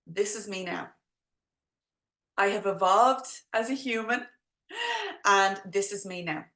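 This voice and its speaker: A woman's voice: medium pitch, bright, forceful tone, reverberant. A woman with a thick Dublin accent presenting an informal live online workshop as a coach, chatting directly and encouragingly to her viewers.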